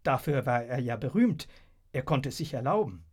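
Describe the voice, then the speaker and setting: A man narrating a story in an expressive storytelling manner. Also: medium pitch, moderate pace, husky. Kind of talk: audiobook narration.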